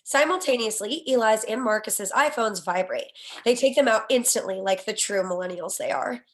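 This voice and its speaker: For a screenplay table read, a woman with a voice on the high side reads the scene headings and action lines as scripted narration at a normal speed.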